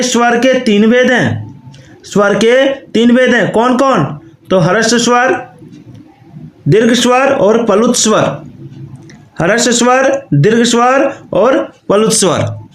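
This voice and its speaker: A man's voice: extremely high pitch, a bit bright, echoey room. A man teaching Hindi grammar in a recorded online lesson, who explains step by step and often repeats his questions. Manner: says "okay" and "you can see" often.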